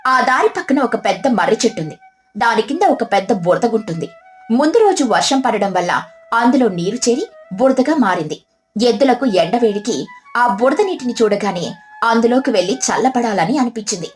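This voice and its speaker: Lady narrating a kids story, kinda high voice, soft music under. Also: normal speed. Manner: even, descriptive storytelling.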